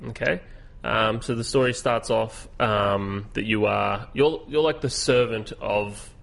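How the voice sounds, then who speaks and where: A man's voice: fairly low pitch, unhurried, creaky, a bit bright. A man, co-hosting a casual podcast, rambling through a game story with fillers and frequent laughs. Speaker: podcast co-host. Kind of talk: casual chat.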